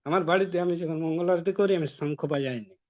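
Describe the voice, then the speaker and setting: A man's voice: fairly high pitch, fast. A man giving a devotional talk, telling a personal story in a conversational way. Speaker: devotee preacher. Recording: dull lo-fi recording.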